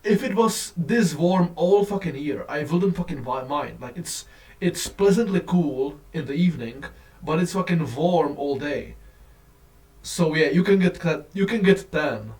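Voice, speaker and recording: A man in a casual, profane, rambling rant to camera, on a low-quality phone recording. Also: animated, measured pace, a little mellow, recorded from a distance. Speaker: vlogger.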